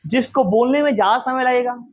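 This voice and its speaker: High-voiced man teaching a class. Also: brisk. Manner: quizzing students with repeated questions. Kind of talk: classroom grammar lesson.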